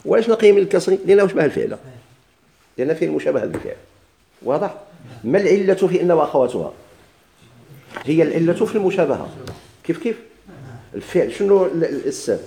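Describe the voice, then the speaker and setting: Man, Moroccan Arabic accent, grammar teacher, classroom lesson, dark warm tone, questions and answers, repeats key points. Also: fairly high pitch, sing-song, quick pace, vocal fry, pauses often.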